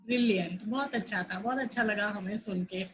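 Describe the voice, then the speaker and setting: A woman's voice: mid-range voice, fairly bright tone. A woman hosting an online class celebration over a video call, mixing Hindi and English and politely calling everyone ma'am. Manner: polite, slow and drawn out, calls everyone ma'am. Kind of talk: cheerful host chat mixing Hindi and English.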